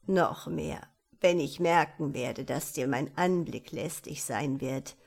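A woman's voice: low voice, slow pace, gravelly, voice pushed down, exaggerated voice. A woman voicing a lovesick little hunchbacked old man who pleads in sorrow, in a storybook reading. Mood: pleading.

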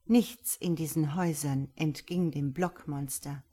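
A woman reads a story aloud in a measured way, her voice sitting slightly low. She narrates between the characters' lines. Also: fairly even intonation, mellow. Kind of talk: audiobook reading of a story.

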